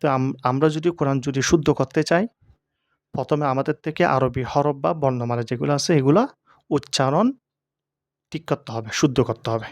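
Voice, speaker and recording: A man teaching the pronunciation of Arabic letters for Quran reading. He asks questions and answers them himself, and he draws each letter sound out slowly. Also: mid-range voice, no echo, clean studio sound. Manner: slow, drawn-out letter sounds.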